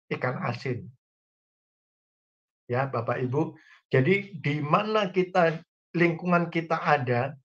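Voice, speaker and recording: Male pastor delivering a sermon, slightly high voice, folksy asides, recorded on muffled lo-fi audio. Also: a bit bright. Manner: addresses congregation directly, folksy humorous examples. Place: church online service.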